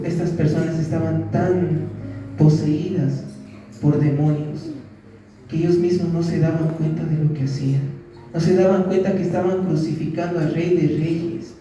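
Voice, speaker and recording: A man's voice: a little high, dark tone, muffled recording, slight background noise. A male pastor preaching a sermon in a church, asking his listeners questions and acting out what people said. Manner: preaching with rhetorical questions and acted quotes. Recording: very echoey church hall, mic at a distance.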